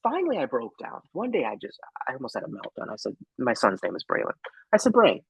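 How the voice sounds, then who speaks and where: A man's voice: mid-range voice, very animated, fast talker, gravelly, slightly rough, no echo, rough recording. A man co-hosting a workshop over a video call, telling a personal story in a candid, casual way with the odd swear word. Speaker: workshop co-host.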